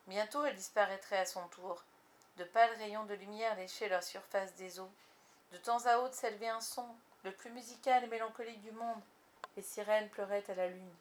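A woman narrating a storybook in an expressive, measured way. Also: medium pitch, reverberant. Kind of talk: storybook reading.

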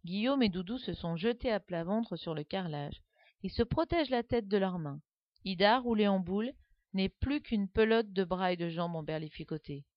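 A woman narrating a children's story with a lively, expressive reading, on a dull, dry recording. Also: medium pitch, moderate pace, dry recording.

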